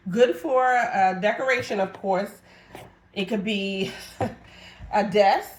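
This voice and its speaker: A woman's voice: medium pitch, slow. A middle-aged woman running a live auction as a reseller, chatting playfully and talking straight to her viewers. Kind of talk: casual live-selling chat. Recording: echoey room.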